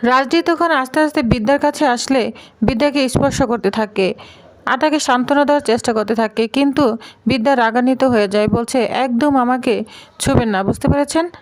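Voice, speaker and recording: A woman's voice: high-pitched, fairly quick, low-quality recording. A woman narrating a television drama story, reading out every character's lines in her own voice. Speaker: storyteller recapping a TV serial.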